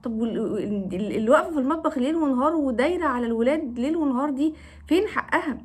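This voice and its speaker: A woman's voice: high voice, lively intonation, very fast. A woman with an Egyptian Arabic accent giving advice straight to camera, scolding careless husbands with pointed rhetorical questions. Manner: reproachful, lecturing, addresses husbands directly with rhetorical questions. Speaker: advice vlogger. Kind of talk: direct-to-camera advice talk.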